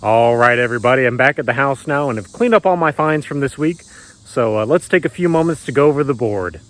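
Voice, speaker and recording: An expressive man in his thirties, with a mid-range, fairly bright voice and a slightly quick pace, narrates a relaxed treasure-hunting vlog. He marvels at his metal-detecting finds and speaks to viewers while out in grass and woods, the recording noisy with insects and traffic.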